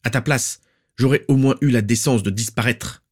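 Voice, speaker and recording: A man's voice: a little high, animated, moderate pace, a little mellow, voice pushed up, lightly acted. A man voicing a cold, implacable aristocratic aunt who accuses and scorns in an icy, unemotional tone. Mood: scornful.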